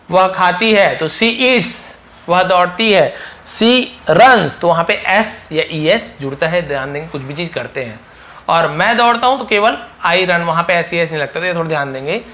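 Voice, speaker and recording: A man with a Hindi accent teaching spoken English, explaining patiently and repeating model sentences slowly. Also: fairly high pitch, pushed and bright.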